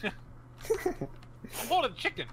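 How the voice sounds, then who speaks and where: A man's voice: very high voice, huge pitch swings, very slow, noisy background. A man chatting casually while playing a group game, joking and laughing often. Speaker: player in a group game video. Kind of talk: casual gaming chat.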